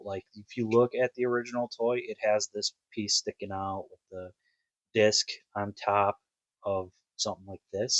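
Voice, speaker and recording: Slow-talking man reviewing toys. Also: mid-range voice, no room sound, low-quality recording. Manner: unhurried, musing, frequent ums and restarts. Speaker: toy reviewer. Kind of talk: casual toy review.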